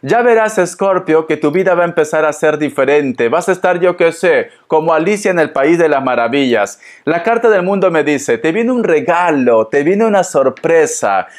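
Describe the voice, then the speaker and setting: A man's voice: fairly high pitch, animated, normal speed, hardly any pauses. Affectionate man giving a tarot reading. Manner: affectionate, chatty, keeps calling the listener darling. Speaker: tarot reader. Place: at home in a hot room with a fan running.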